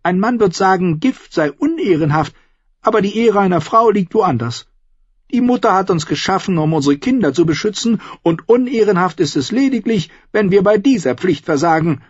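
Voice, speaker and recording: A vehement, high-pitched noblewoman voiced by a male audiobook reader scolds and schemes with lively, swooping pitch. Her voice is a little husky. The recording is dry and dull. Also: normal speed, dry recording. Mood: scheming. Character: shrill, imperious aunt, a noblewoman, middle-aged and hateful.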